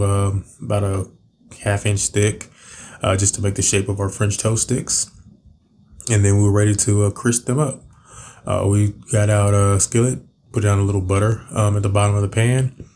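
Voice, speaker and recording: Home cook host, thirties, mellow and unhurried, leans on "uh" and "um". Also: male voice, fairly low pitch, a little hiss or hum. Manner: relaxed, many "uh" and "um" fillers. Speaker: cooking channel host. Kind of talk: casual recipe voice-over. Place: home kitchen.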